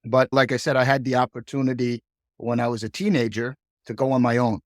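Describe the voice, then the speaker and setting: In a studio-quality, dry recording, a middle-aged Hong Kong man speaks at a fairly quick clip in a steady, medium-pitched voice. He's a podcast guest casually recounting his career, often ending sentences with "right?"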